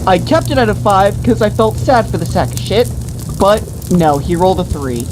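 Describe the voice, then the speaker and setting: A woman with a mid-range voice, speaking at a moderate pace, retells a tabletop game as its game master in a theatrical, mock-grandiose, and crudely comedic manner. The recording comes from a noisy room with a steady background hiss.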